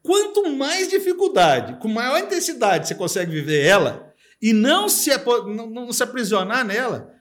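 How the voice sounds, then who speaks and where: A man's voice: sits high, sing-song, brisk, a bit bright. A middle-aged man from Brazil telling his own story in casual podcast chat, emphatic, asking "you know?" after his points. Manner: emphatic, fillers like "cara" and "entendeu".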